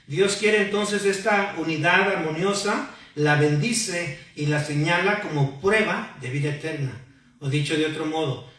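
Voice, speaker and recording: A man's voice: a little high, a bit bright. Man preaching in an echoey church. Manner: preaching with call-and-response questions to the congregation. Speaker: pastor. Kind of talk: sermon. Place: church hall. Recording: very echoey hall, mic far off.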